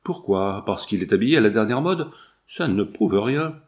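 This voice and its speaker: A man's voice: lively intonation, close to an everyday voice. A man voicing a smug, boastful painter who brags about his own importance. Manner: boastful, slow and low.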